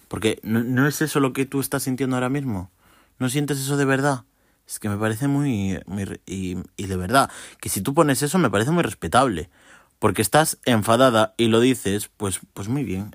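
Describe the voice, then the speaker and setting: A man's voice: mid-range voice, dry recording, clean studio sound. A man hosting a podcast, delivering a sarcastic, swearing comic rant. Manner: sarcastic, ranting, swears often. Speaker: podcast host. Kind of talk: casual comic monologue.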